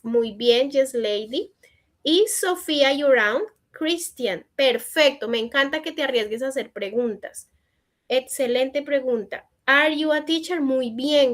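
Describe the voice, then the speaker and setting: High-voiced woman teaching an online class. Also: fairly bright tone. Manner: encouraging corrections in a patient teacherly tone. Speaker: English teacher. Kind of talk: online class, reading out student answers. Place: online session.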